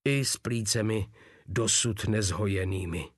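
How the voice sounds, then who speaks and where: A man narrating a war novel as a first-person audiobook, in an even, measured reading. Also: fairly low pitch, no echo, clean studio sound.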